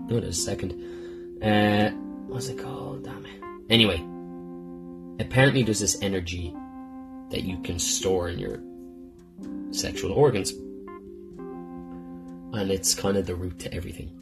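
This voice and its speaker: A man's voice: low-pitched, unhurried, vocal fry, long pauses. A man hosting a podcast in a rambling, heartfelt personal monologue, swearing often as he talks. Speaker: podcast host. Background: guitar music.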